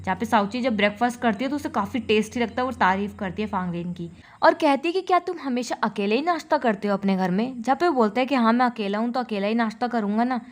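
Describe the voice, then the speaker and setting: A woman retelling a drama's plot in a casual, fast storytelling way, full of filler phrases. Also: a little high. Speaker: drama recap narrator.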